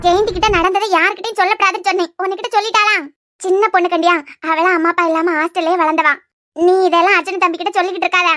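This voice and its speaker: A woman voicing a loving, worried old grandmother in a cartoon serial, speaking softly in a Kanyakumari Tamil accent. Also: very high voice, flat delivery, very fast. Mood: cautioning. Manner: soft, coaxing, affectionate.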